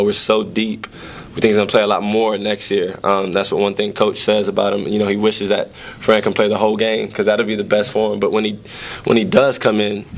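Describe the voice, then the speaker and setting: A young man, a college basketball player, speaking at a postgame press conference at a table mic, relaxed and rambling with many fillers. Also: lowish voice. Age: young adult. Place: press conference room with sponsor backdrop. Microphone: table microphone.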